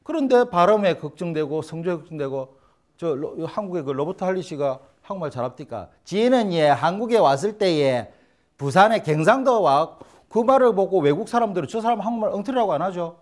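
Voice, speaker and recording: A man's voice: high voice, expressive, brisk. A man teaching a lecture on learning Chinese, blunt and joking, acting out examples in funny voices. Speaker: Chinese language instructor. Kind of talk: lively classroom lecture.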